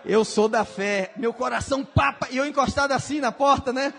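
A man preaching as a pastor, telling lively personal stories and acting out the voices and shouts of the people in them. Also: very high voice, normal speed, gravelly, long reverb tail, a little hiss or hum.

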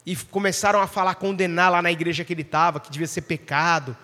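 A man preaches with a high, ringing voice, pressing his points and throwing questions out to the congregation. His words carry a long reverb, as if spoken in a large hall. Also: fast talker, pushed and bright. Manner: emphatic, asks the congregation questions. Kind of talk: sermon.

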